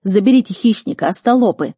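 Женщина изображает властного рявкающего герцога. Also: female voice, lowish voice, fairly even intonation, a little fast, dark tone, breathy edge, no room sound, clean studio sound. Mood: angry commanding. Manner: barking orders. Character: stern overbearing male duke, commanding.

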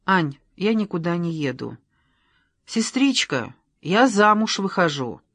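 A woman's voice: on the low side, big pitch swings, takes it slowly, fairly bright tone, dry recording, clean studio sound, full character voice. A reader voicing Tatiana, a bubbly young woman who teases her sister about her engagement. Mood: teasing. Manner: teasing, bubbly. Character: giddy young woman in love, playful.

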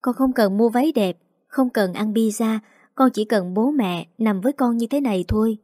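A woman's voice: moderate pace, warm tone, dry recording, studio quality, close to an everyday voice. A woman doing a sweet pleading little girl. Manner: high childlike pleading voice. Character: small chatty clingy daughter, sweet and pleading.

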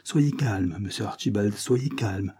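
A man's voice: lowish voice, slow, dark tone, a little hiss or hum. A man voicing a timid, fussy old clerk who talks in apologetic, roundabout circles in a storybook reading. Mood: hesitant.

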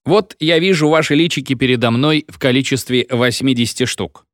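A man's voice: mid-range voice, a little fast, no echo, studio quality, lightly acted. A man voicing a drunken, pompous village medic who lectures in a rambling, hiccuping sing-song. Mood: tipsy lecturing.

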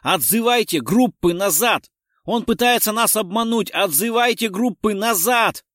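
A man voicing a foreign detective who shouts urgent warnings over a police radio, in an audiobook reading. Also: sits high, animated, unhurried, no room sound, clean studio sound, pitched above the performer's own voice. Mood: alarmed shouting.

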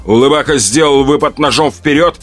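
A man narrating a first-person story in a steady, plain way. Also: on the high side, brisk, faint music behind.

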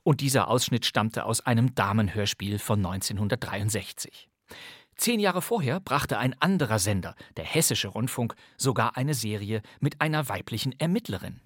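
A man's voice: medium pitch, lively intonation, normal speed, slightly rough, no room sound. A man hosting a programme with scripted narration, in a studio. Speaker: host and narrator. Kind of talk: scripted narration about old radio dramas. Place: dry studio with music behind.

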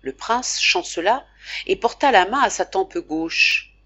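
A woman narrating a classic novel as an audiobook, reading in a measured, expressive way. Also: medium pitch, slightly rough.

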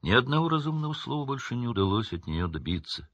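Guy narrating a storybook, lively up and down delivery, husky, dull lo-fi sound. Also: medium pitch, fast talker, no room sound. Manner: expressive, animated reading. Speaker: audiobook reader.

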